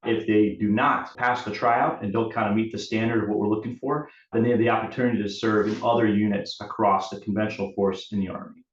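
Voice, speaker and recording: A man co-hosting a podcast who explains things plainly, recorded with an echoey, distant sound from an audio fault. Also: fairly low pitch. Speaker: podcast co-host. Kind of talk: casual podcast chat. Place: pub used as offsite studio. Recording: echoey, dull, distant mic.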